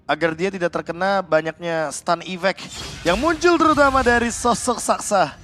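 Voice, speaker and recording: A man's voice: high voice, moderate pace, a bit bright, a little hiss or hum. A man with an Indonesian accent giving live analytical commentary as an esports caster.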